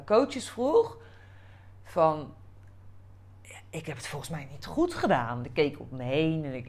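A young woman with a Dutch accent hosts her own podcast and shares a personal story. Her voice sits slightly low, but her pitch swings widely and lively as she acts out what people said. She talks casually and drops a curse here and there. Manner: animated, lively quoting with bursts of swearing. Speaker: podcast host.

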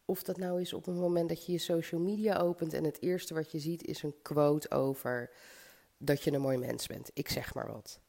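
With a low, steady, creaky voice and a dark tone, a woman speaks at a moderate pace. She's a podcast host fighting a slight cold and stuffy nose, offering the listener an encouraging motivational self-help monologue.

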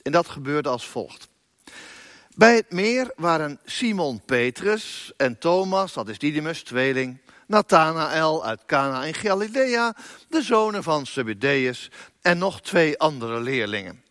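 Male pastor, Bible reading, unhurried and very lively in pitch, dry close sound. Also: dry recording. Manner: slow, lively reading with raised voices for quoted speech. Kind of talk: Bible reading in a church service.

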